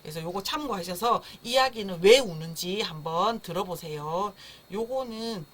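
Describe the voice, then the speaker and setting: A woman's voice: medium pitch, moderate pace. Woman teaching a live parenting class. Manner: friendly, explanatory, imitates baby cries. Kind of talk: live-streamed online lecture. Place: indoor room, streaming live.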